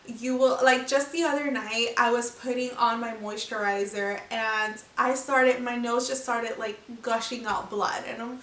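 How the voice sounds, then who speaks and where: A young pregnant woman chatting casually to camera as a vlogger, telling stories in an animated way with laughs. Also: on the high side, unhurried, hardly any pauses. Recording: echoey room, mic at a distance.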